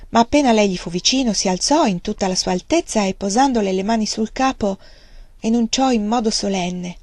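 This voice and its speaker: A woman's voice: mid-range voice, darkish tone, no echo. A woman narrating a novel as an audiobook reader, reading steadily and evenly. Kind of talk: scripted narration.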